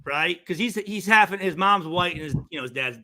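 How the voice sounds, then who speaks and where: A man co-hosting a podcast, telling a long story in a laid-back, profane, animated way. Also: sits high, fairly quick. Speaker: podcast co-host, former player. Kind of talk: casual storytelling chat.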